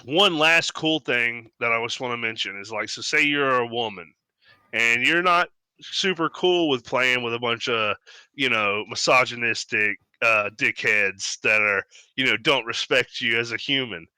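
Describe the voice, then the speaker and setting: A man chatting animatedly on a podcast, swearing freely and slipping into mimicked voices as he tells his stories. His voice is strikingly bright and crisp, recorded dry and close to the mic, with no room sound. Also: medium pitch, measured pace, dry recording, rough recording. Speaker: podcast co-host. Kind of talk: casual chat.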